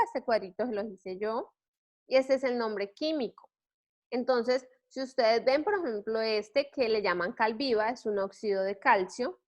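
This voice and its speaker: A woman's voice: fairly high pitch, a bit bright. A woman giving a soil science lecture, explaining step by step and quizzing her students with rhetorical questions. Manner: frequent "¿sí?" checks and restarts.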